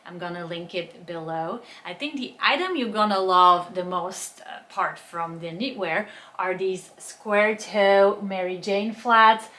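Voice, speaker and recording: A woman's voice: mid-range voice, measured pace, hardly any pauses, pushed and bright. A young woman from Bulgaria, speaking, chatting enthusiastically through a fashion haul and try-on. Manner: chatty, enthusiastic product descriptions. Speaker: fashion vlogger. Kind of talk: casual haul and try-on talk.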